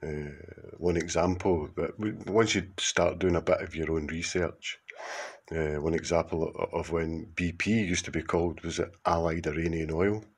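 Husky low-voiced Glaswegian man in his fifties. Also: steady tone, moderate pace. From Scotland. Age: 50s. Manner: rambling, hesitant, with many fillers and restarts. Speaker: contributor sending a video message. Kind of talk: casual monologue to camera.

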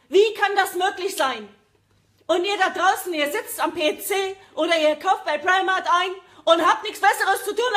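A woman's voice: extremely high pitch, sharp tone. A woman from Germany in an agitated live-stream rant to her viewers, repeating phrases for emphasis. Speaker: vlogger addressing viewers.

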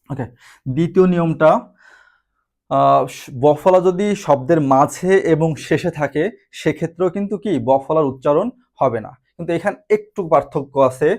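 Guy teaching a lesson, a bit high-pitched, slow and careful, repeats himself. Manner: slow, deliberate, repeats examples and asks rhetorical questions. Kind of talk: online grammar lesson.

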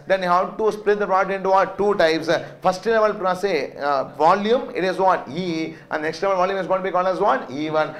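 A man with a South Indian accent and a notably high voice gives a classroom lecture. He explains step by step, throwing out rhetorical questions and frequent check-ins as he goes. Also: fairly bright tone. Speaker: accountancy teacher.

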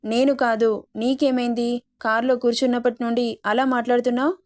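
Brief: bright coaxing young wife, storybook romance; woman narrator plays her, slightly high voice. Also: little pitch movement, a little fast, no echo, natural voice. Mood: defensive. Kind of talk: storybook dialogue reading.

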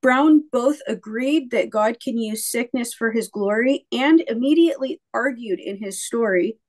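A woman co-hosting a casual talk on faith, chatting freely and repeating words as she finds her point. Her voice sits a bit higher than most women's. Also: a little slow, a little mellow. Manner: conversational, with hesitant repeats. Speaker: podcast co-host. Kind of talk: casual theological discussion.

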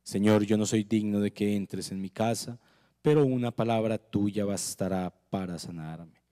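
Colombian priest saying mass, solemn and steady, resonant voice, handheld mic, ringing chapel echo. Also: male voice, lowish voice. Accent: Colombian Spanish. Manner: solemn, measured liturgical recitation. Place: small chapel with altar flowers. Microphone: handheld microphone. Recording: long chapel reverb.

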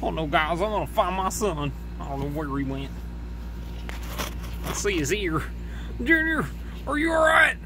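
A man's voice: sits high, very animated, moderate pace, long pauses. Man doing a goofy, clueless cartoon dad, noisy recording. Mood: goofy, worried. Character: goofy, clueless, anxious cartoon dad searching for his son. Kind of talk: improvised play with toy figures. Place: outdoors on sandy ground. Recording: noisy outdoor handheld camera recording.

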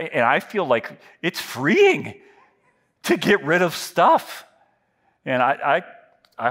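On a large church stage with an illuminated backdrop, a pastor in his fifties gives a sermon through a headset mic. His voice sits at medium pitch with a slight brightness, and his delivery is loose, self-deprecating, and full of restarts.

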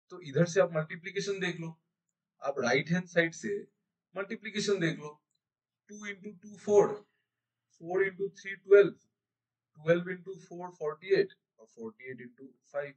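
A man's voice: high-pitched, rough recording. A young man, a teacher, explains math problems in a mix of Hindi and English, working through each step and asking his online students questions. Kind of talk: online exam-prep math class. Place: online class.

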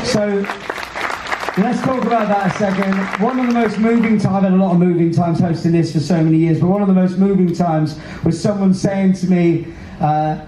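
British male cruise director, high voice, earnest and emphatic, mellow tone, live stage address. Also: far from the mic. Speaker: cruise director hosting a veterans' event. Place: large indoor theater stage. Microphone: handheld mic, filmed from the audience. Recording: roomy theater PA heard from afar, faint noise.

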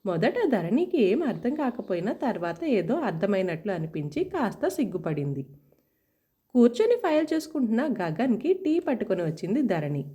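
A woman narrating a romantic family story in an expressive, lively reading. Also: medium pitch, normal speed.

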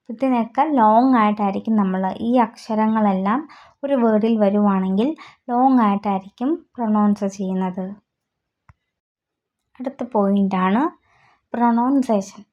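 Woman teaching german basics, slow careful examples, mid voice, kinda dull lo-fi audio. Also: mid-range voice, a little mellow. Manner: slow, deliberate spelling-out of examples. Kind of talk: explaining German rules in Malayalam.

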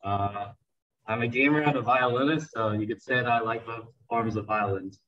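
A man's voice: mid-range voice, steady tone, normal speed, a bit bright. A young man from the Bay Area giving a joking, laid-back self-introduction to a student club. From San Francisco Bay Area. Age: young adult. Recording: dull lo-fi sound.

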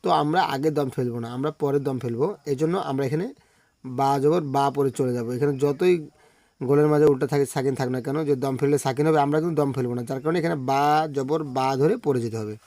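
A man teaching Quran reading, spelling out each syllable and then chanting the joined words in long, drawn-out tones. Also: medium pitch, dark tone, dry recording.

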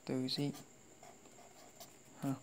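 A tutor gives a casual lesson, slowly reciting and repeating readings as a drill. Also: noisy background. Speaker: language tutor.

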